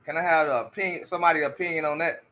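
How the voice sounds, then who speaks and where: A man's voice: a little high, fairly even intonation, rapid-fire, pushed and bright, highs cut off. A man giving casual commentary, often restarting his sentences and repeating rhetorical questions to his audience. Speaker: commentary streamer.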